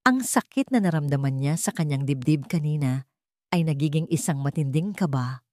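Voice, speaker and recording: A woman with a Filipino accent narrates a scripted dramatic story in a low, animated, darkish voice at normal speed. The recording is dry, with clean studio sound.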